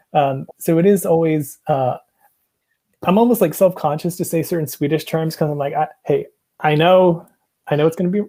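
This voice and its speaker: Over a video call through earbuds, a young American man chats casually from a small room at home. His voice is a little high and mellow, and he rambles, full of ums and restarts.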